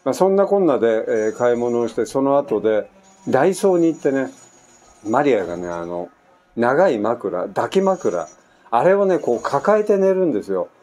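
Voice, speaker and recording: A man's voice: medium pitch, moderate pace, faint music behind. A man in his sixties from Japan, chatting casually through a story with many asides, recording at home. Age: 60s. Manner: chatty, animated anecdote telling with frequent asides. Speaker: vlogger. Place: at home on an island, construction nearby. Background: faint construction noise.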